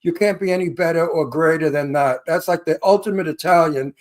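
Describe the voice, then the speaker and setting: A man's voice: a little high, fairly quick. A man with a Brooklyn, New York accent chatting casually as a co-host, blunt and brash, using crude street slang. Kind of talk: casual chat.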